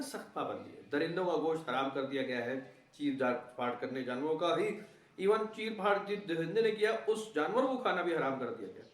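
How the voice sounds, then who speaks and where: A man with a fairly high voice gives an informal lesson on scripture. He talks animatedly and mixes in English words. The recording is roomy and distant, as if the mic sits far from him. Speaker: Quran lecturer. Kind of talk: conversational Quran lesson.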